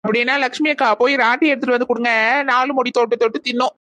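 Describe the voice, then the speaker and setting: A woman's voice: on the high side, fairly even intonation, very fast, dull audio, heavy background noise, natural voice. A woman voicing a cheeky village woman in a cartoon who teases and mocks the others. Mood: teasing. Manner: mocking, teasing.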